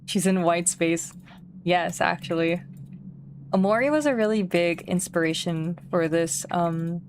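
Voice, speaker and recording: A woman livestreams a game she developed herself, chatting casually in a scattered way that keeps interrupting itself and reading game text aloud. Her voice is fairly low and a little slow.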